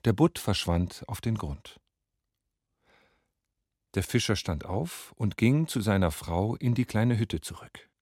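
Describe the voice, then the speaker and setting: A man reads a fairy tale aloud in a low voice. He tells it very slowly with a lively, expressive melody. The recording is dry and close. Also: breathy edge, dry recording. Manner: slow expressive storytelling. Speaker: storyteller.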